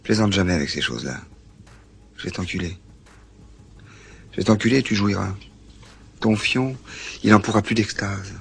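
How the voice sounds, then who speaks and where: A coarse, threatening brute in a film scene, taunting with crude threats. His voice sits low and rough with gravel. He sounds mocking and menacing. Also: normal speed, pauses often, faint music behind, exaggerated voice. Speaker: film character in a clip.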